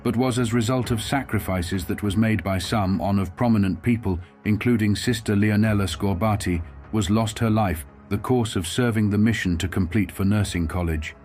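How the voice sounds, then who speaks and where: A man reading a documentary voice-over in a measured, formal way. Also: on the low side, a little mellow, faint music behind. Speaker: documentary narrator. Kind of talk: scripted voice-over narration.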